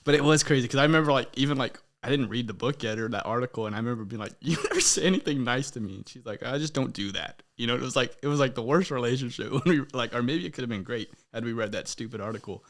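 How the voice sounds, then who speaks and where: A young man hosting a casual podcast, talking quickly with a bright, forceful voice. He jokes around, laughs a lot and swears offhandedly. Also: medium pitch. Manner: laughs often, loose and joking, swears casually. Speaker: podcast host. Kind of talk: casual chat.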